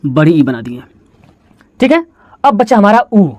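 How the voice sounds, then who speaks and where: A man's voice: sits high, big pitch swings, unhurried, a little mellow, dry recording. Man teaching with repeated questions. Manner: call-and-response questioning, playful storytelling about letters. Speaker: Hindi teacher. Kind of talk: classroom lesson at a board.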